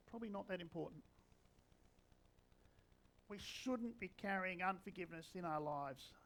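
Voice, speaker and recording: High-voiced man in his sixties preaching. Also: poor audio. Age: 60s. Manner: conversational, with wry humour. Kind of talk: sermon.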